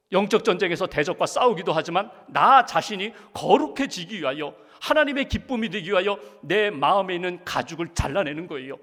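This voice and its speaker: A man preaching from the pulpit, his voice surging and then dropping low for emphasis. His voice sits fairly high for a man. It rings out with the long reverb of a large church hall. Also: fairly bright tone. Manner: emphatic preaching, rising and falling sharply in pitch and volume. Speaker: pastor. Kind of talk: sermon.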